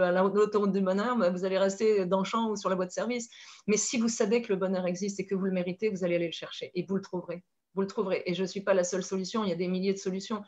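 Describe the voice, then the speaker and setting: A woman from France with a French accent, a life coach talking in a lively, expressive way and laughing often. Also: mid-range voice, dull audio. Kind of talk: conversational talk with metaphors.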